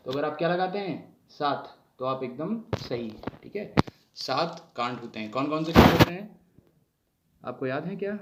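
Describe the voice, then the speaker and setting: A man's voice: on the high side, animated, normal speed, heavy background noise. A man teaching an online exam-prep lesson, asking questions aloud and then answering them himself.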